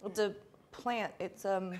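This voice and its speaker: A woman's voice: medium pitch, steady tone, slow pace, a little mellow, a little hiss or hum. Blunt, laughing woman chef. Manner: blunt, swearing, laughing reactions. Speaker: guest chef. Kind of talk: blindfolded taste test chat.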